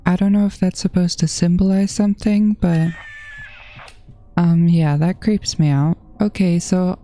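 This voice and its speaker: A woman who hosts a gaming channel comments on her horror game playthrough in a lowish, dark, steady voice, speaking a little slowly. She's jittery, repeating panicked phrases to herself, while faint music plays in the background.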